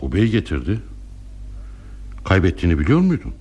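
A man's voice: deep voice, huge pitch swings, a little fast, dark tone, slightly rough, exaggerated voice. A flustered, fussy father. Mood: stern, surprised. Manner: flustered, effusive, courteous. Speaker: father, a teacher. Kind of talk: 1960s Turkish radio theatre acting.

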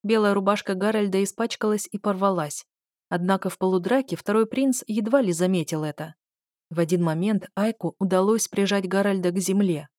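A woman reading an audiobook aloud, telling a first-person story in a lively way and voicing the dialogue. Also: medium pitch, fairly quick, no echo, studio quality. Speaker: audiobook narrator. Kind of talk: audiobook narration.

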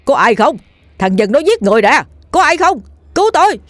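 A woman voicing a weak, guilty old village man who denies everything and shouts for help. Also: high-pitched, big pitch swings, fairly quick, no echo, pitched above the performer's own voice. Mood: panicked. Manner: wheezing denial, then panicked yelling.

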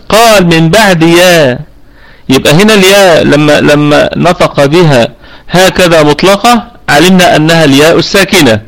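A man with an Egyptian accent teaching Quran recitation rules in a live online class, explaining patiently and often checking that students follow, slowing down to demonstrate how words are recited. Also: a little high, fairly bright tone, low-quality recording. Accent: Egyptian Arabic. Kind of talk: live online tajweed lesson. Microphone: online voice chat room.

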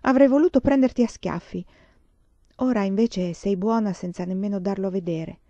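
Brief: impulsive teenage girl, voiced by a woman reading aloud, emphatic, mellow tone, dry audio. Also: medium pitch, moderate pace, dry recording, highs cut off, lightly acted. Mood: earnest.

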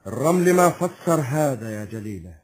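An actor playing a troubled, resigned warrior prince in a solemn folk epic drama. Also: male voice, medium pitch, lively intonation, moderate pace, slight background noise, close to an everyday voice.

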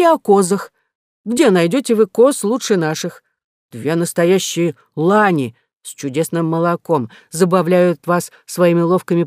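A man's voice: a little high, darkish tone, no echo, clean studio sound, natural voice. A man reading a novel aloud, voicing a practical, devoted elderly housekeeper with a persuasive, sensible manner.

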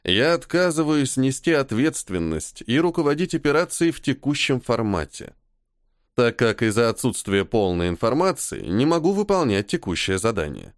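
In a mid-range, very animated voice at normal speed, a man reads an audiobook, voicing a gloomy, stubborn army major. This subordinate officer answers his superior with caustic, barbed sarcasm. The studio-quality recording has no echo.

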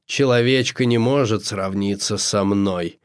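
A man's voice: medium pitch, moderate pace, lightly acted. A man voicing a purring seductive demoness. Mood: whispering. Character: seductive female demoness, sly and self-assured.

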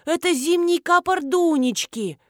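A woman's voice: a little high, animated, moderate pace, no room sound, studio quality, lightly acted. A woman voicing a gushing, homely housekeeper who drawls happily. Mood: delighted.

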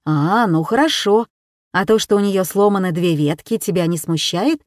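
A woman reading aloud voices a patient father, speaking calmly and reassuringly to his small daughter. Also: medium pitch, normal speed, dry recording, clean studio sound, lightly acted. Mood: gentle. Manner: calm, soft and reassuring.

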